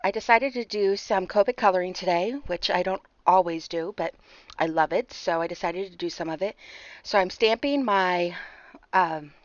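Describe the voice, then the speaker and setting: Slightly hoarse woman narrating a craft tutorial. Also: on the low side, moderate pace, no echo, dull audio. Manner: chatty, talks through each step with fillers and apologies. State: a bit hoarse, clearing her throat. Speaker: card-making tutorial host. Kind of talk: casual voice-over narration.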